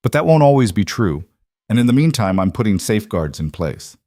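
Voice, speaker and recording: A man's voice: on the low side, very animated, a little fast, dark tone, dry recording, clean studio sound. A man reading the lines of a young mafia boss husband, tense, clipped and firm. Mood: strained.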